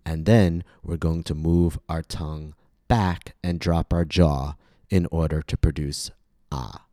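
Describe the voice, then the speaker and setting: Deep, slow-spoken American male teacher. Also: fairly even intonation, mellow, dry recording, clean studio sound. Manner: careful, deliberate enunciation for learners. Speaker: pronunciation teacher and podcast host. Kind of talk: scripted instructional narration.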